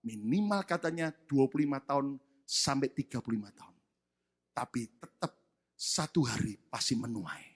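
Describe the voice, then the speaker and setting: A man preaching a sermon as pastor, animated and emphatic, with sudden loud outbursts. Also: mid-range voice, moderate pace.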